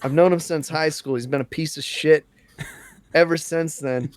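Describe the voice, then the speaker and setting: A man's voice: fairly high pitch, fairly even intonation, normal speed, dry recording. A man co-hosting a podcast in casual chat, jokey and teasing, struggling with hiccups. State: has the hiccups. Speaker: podcast co-host.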